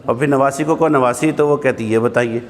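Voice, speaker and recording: A man's voice: mid-range voice, a little hiss or hum. A man teaching an Arabic grammar class in a mosque hall, lecturing in a conversational way, asking rhetorical questions and checking in with his listeners. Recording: long hall reverb.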